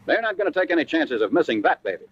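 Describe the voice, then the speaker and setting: Here the American narrator's voice sits on the high side and sounds slightly rough as he races through a script at a very fast, very animated clip. It's a 1940s military training film told in punchy, slang-heavy wartime talk, on a muffled vintage soundtrack without echo.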